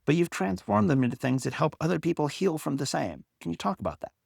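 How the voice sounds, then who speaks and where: A man hosting a podcast, leading into a question thoughtfully and gently. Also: a little high, expressive, quick pace, creaky, no echo, clean studio sound. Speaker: podcast host. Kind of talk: conversational interview.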